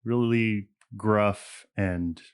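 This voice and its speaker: A man narrating as game master in relaxed, descriptive casual speech, calling for dice rolls. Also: fairly low pitch, drawn-out words, clear, resonant tone.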